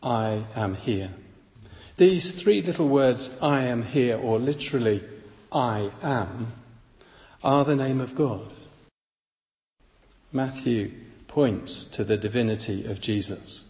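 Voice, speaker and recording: A man giving a devotional Bible reflection in a measured, reflective way, recorded with an echoey hall reverb. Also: medium pitch, a little mellow. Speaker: preacher.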